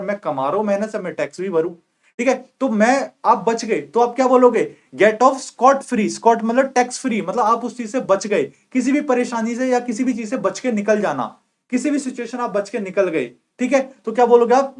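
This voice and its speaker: A young man teaching an exam-prep vocabulary lecture, repeating each point and often checking whether students are clear. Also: sits high.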